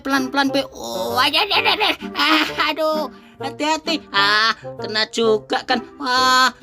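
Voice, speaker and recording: A woman who narrates playfully for children as a clown vlogger and is full of excited exclamations. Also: high-pitched. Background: music.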